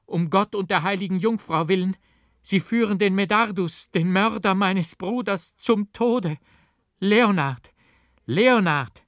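A man voicing a terrified young noblewoman who cries out and pleads in a raised, high voice. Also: a little slow, a bit bright, dry recording, clean studio sound. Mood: desperate. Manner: crying out, pleading.

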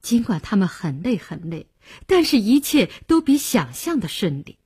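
Brief: female audiobook narrator, husky, expressive, lively melody. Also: medium pitch, normal speed. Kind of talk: scripted novel narration.

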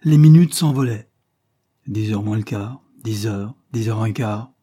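A man narrating a classic novel aloud as an audiobook, reading in a measured, dramatic way. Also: fairly low pitch, dark tone.

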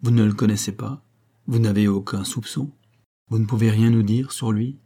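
A man's voice: on the low side, fairly even intonation, normal speed, dark tone, breathy edge. A man voicing a cold, terse police detective who speaks curtly. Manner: curt and dry.

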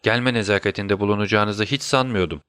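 Cunning detective playing sick, read by a man: brisk orders, then faint whispers; dry close sound. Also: lowish voice, steady tone, a bit bright, clean tone, dry recording, natural voice. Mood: feeble, whispering. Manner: urgent commands, then feeble whispers. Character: brilliant male detective feigning deadly illness. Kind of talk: audiobook character voice.

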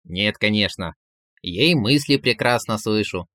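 A man's voice: fairly low pitch, lively intonation, unhurried, pushed and bright, dry recording. A smug mocking inner voice, read by a man. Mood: sardonic. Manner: dry, mocking, matter-of-fact. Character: sardonic disembodied male inner voice, smug and blunt. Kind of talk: audiobook character voicing.

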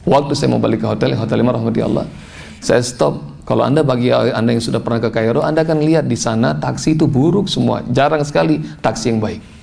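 A man preaches with a deeply gravelly, fry-laden voice at a middle pitch. He tells his story in an animated way, and his voice climbs high and forceful whenever he quotes. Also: fast, a little hiss or hum. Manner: animated, rising to high emphatic tones when quoting. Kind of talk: sermon with storytelling.

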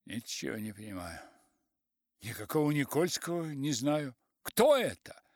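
A man's voice: medium pitch, very animated, a little slow, darkish tone, no room sound, clean studio sound, voice pushed up. A man voicing an irritable older professor who snaps scornfully. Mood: irritated. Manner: snappish and scornful.

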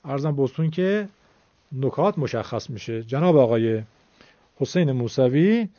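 A man's voice: mid-range voice, lively intonation, warm tone, dry recording. Man teaching pronunciation, dull dry broadcast. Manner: patient, explanatory, demonstrates sounds slowly. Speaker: Quran recitation teacher. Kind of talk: radio pronunciation lesson.

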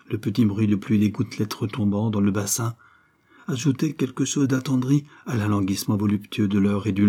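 A man reading a classic novel aloud as an audiobook narrator, in a calm, even storytelling manner. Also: lowish voice, slightly rough. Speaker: audiobook reader.

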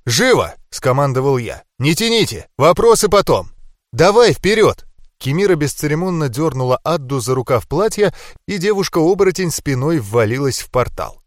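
A man narrating a fantasy audiobook in the first person with steady, expressive storytelling. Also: fairly high pitch, dry recording, clean studio sound.

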